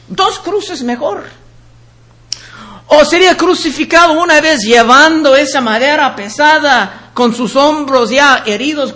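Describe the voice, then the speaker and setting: A man's voice: extremely high pitch, sharp tone. A man preaching a sermon in earnest, calling his listeners brothers and sisters and reading scripture verses aloud with their references.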